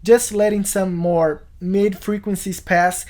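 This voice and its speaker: Clear-spoken man presenting a tutorial. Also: high voice, steady tone, slow, a little mellow. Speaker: music production tutorial host. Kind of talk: explanatory video tutorial to camera. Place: small home studio, indoors.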